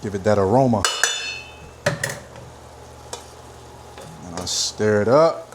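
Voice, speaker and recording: A man casually talking through cooking his dinner in a home kitchen, laid-back and chatty with drawn-out emphatic phrases. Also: fairly low pitch, background noise. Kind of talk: casual cooking vlog chat. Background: frying and stirring sounds.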